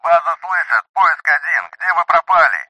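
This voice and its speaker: A man's voice: fairly high pitch, pushed and bright, dry recording, pitched above the performer's own voice, poor audio. A man voicing a cheerful, talkative male radio operator whose voice comes through a radio channel. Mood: glad. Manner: talkative, rattles on quickly. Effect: voice over a radio channel. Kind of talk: audiobook narration.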